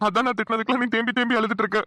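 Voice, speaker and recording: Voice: medium pitch, fairly even intonation, rapid-fire, heavy background noise, close to an everyday voice. A voice actor playing a young cartoon husband who scolds his wife, then coaxes and teases her. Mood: teasing. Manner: scolding, then pleading and chuckling. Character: teasing young husband, bossy then coaxing. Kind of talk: Tamil cartoon dialogue.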